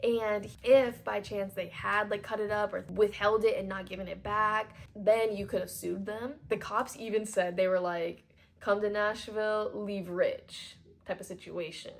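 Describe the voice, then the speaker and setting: A young woman in her twenties tells a story to her viewers in a chatty, animated way, full of fillers and quick asides. Her voice sits at a middle pitch with a gravelly, fry-laced texture. She acts out the people in the story as she goes. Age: 20s. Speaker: vlogger. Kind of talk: storytime vlog, casual retelling.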